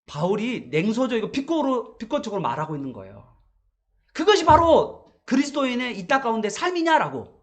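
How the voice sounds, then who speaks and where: A man's voice: extremely high pitch, huge pitch swings, brisk. A male pastor giving a morning Bible sermon, asking the congregation rhetorical questions.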